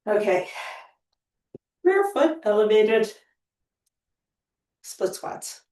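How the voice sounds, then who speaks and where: A woman's voice: medium pitch, very animated, drawn-out words, dark tone, distant mic. A woman leading a strength workout, counting reps aloud and reassuring people to go at their own pace, often sighing between sets. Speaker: fitness instructor. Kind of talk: live workout coaching. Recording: roomy sound from away from the mic.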